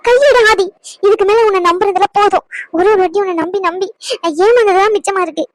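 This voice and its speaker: Woman doing a cartoon young wife, very high voice, dead dry sound, hurt and fed up. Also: steady tone, quick pace, dry recording. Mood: angry. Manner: pleading then bitterly reproachful. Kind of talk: cartoon drama dubbing.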